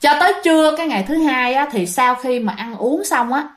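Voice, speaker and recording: High, lively Southern Vietnamese woman storyteller. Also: brisk. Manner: chatty, addresses listeners directly. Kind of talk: casual spoken ghost story retelling.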